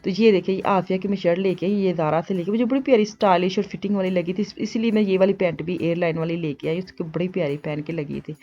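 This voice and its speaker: A woman's voice: on the low side, steady tone, fast talker, few pauses, mellow, lo-fi sound. A woman in her thirties with a Punjabi accent, chatting casually in a shopping vlog and slipping between Hindi-Urdu and Punjabi. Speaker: vlogger.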